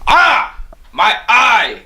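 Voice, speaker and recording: Man doing a shrill, indignant snake. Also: animated, measured pace, creaky, sharp tone, slight background noise, full character voice. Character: grumpy sleepy male snake guarding his food.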